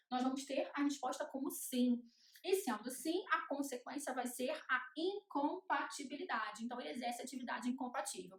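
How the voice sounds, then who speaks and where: A woman's voice: sits high, a bit bright. A woman teaching a law class at a board, chanting checklists in a rhythm so they are easy to memorize. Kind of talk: classroom lecture at a whiteboard. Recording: echoey room.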